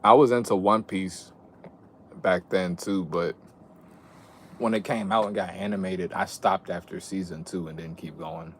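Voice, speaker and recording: Young guy with a low voice, laid back streamer chat, slangy n rambly, swears, noisy background. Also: steady tone, unhurried. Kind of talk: casual livestream chat, reminiscing. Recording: clear background noise.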